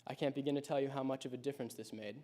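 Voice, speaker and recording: Speaking with fairly even intonation and a dark tone, a late-teen high school senior delivers a prepared speech about himself. He recounts his personal story thoughtfully and at a measured pace.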